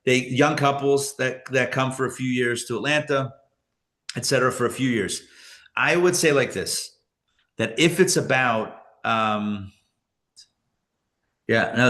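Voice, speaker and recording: A rabbi, born in Israel but raised elsewhere, teaches a live Torah class to an audience in a casual way, often chuckling and restarting as he takes questions. His mid-range voice is fairly bright and moves at normal speed.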